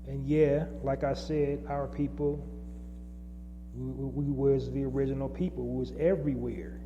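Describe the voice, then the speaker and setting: With music playing beneath him, a podcast host rambles solo and unplanned, restarting often and leaning on fillers. His medium-pitched voice stays steady at a moderate pace, and the lo-fi audio has long reverb plus a faint hum.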